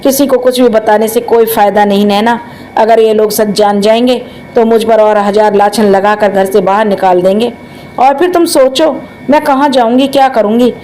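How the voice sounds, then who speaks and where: A woman's voice: on the high side, normal speed, dark tone, a little hiss or hum, natural voice, low-quality recording. A woman voicing a tearful, grieving young wife. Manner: tearful, sorrowful.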